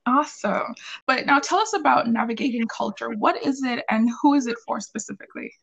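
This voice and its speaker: A woman hosting a podcast, giving the intro and then interviewing her guest with warm encouragement and quick mm-hmms. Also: fairly high pitch, gravelly, husky, highs cut off. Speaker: podcast host. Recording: faint music under the voice.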